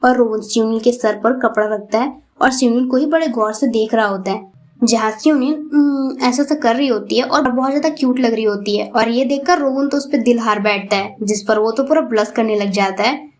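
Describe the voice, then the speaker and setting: A woman's voice: on the high side, fairly quick. A woman narrating a romance comic recap in a casual, chatty storytelling manner.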